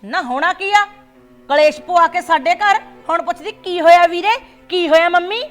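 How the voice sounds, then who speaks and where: Woman acting as a bossy sharp-tongued granny, high voice, sarcastic and scolding, music faint in the back. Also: expressive, moderate pace. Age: older. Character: harsh domineering grandmother, bitter and scolding. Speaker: grandmother. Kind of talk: short film acting.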